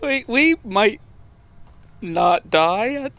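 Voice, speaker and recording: A man hosting a video game let's play with casual commentary, explaining things in a hesitant, halting way. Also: high-pitched, expressive, gravelly, fairly bright tone, no echo. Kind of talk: casual group gaming commentary. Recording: faint background noise.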